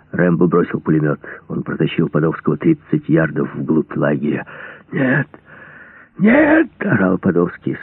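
A man with a very deep, husky voice narrates an action audiobook in a steady, measured way. The sound is thin and phone-like, and very dry. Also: no room sound. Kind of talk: scripted narration.

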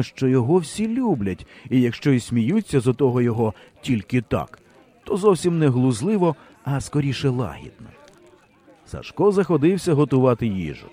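Expressive male audiobook narrator. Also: medium pitch, breathy edge. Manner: expressive, humorous storytelling. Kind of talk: scripted narration.

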